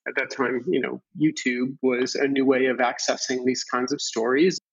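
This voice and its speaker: A man's voice: mid-range voice, flat delivery, normal speed, creaky, husky. A man giving a reflective interview on a dull, lo-fi recording.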